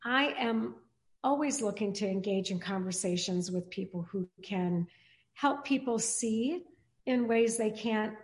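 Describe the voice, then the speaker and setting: A woman pastor hosting a podcast interview, speaking in a halting way with many fillers and restarts. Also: medium pitch. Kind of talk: casual interview chat.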